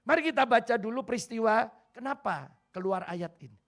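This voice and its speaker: An animated male pastor with an East Javanese accent delivers a sermon. His fairly high voice swings widely in pitch and carries a gravelly edge. He acts out short scenes as he preaches. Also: a little fast. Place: church hall.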